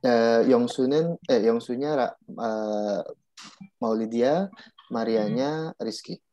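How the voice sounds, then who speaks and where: Man, casual teacher, mellow voice, dull muffled audio. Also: medium pitch, takes it slowly, no room sound. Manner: casual, repeats and restarts while explaining. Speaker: Korean language teacher. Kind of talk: online class explaining Korean pronunciation.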